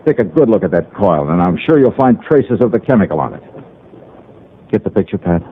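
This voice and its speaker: Playing the lead and narrator of a 1950s radio drama, an actor voices a self-assured, sardonic male insurance investigator with a wry, confronting edge. He speaks a little fast at a fairly low pitch with big swings, and the tinny, lo-fi vintage recording carries slight background noise.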